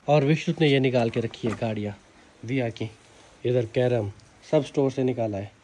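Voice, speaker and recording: A man's voice: medium pitch, a little mellow. A young man chatting casually as he vlogs his rainy day in the hills and a car ride, easygoing and teasing. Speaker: vlogger. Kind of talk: casual vlog narration. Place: outdoors in hills and in a car, rain.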